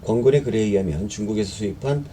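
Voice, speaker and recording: A man's voice: fairly low pitch, fast talker, warm tone, a little hiss or hum. A man teaching a history exam-prep lecture in a conversational way, reading questions aloud and explaining them with fillers and rhetorical questions.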